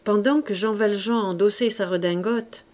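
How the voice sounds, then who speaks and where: A woman narrating a classic novel audiobook in a careful, even reading. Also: mid-range voice, moderate pace. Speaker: audiobook reader.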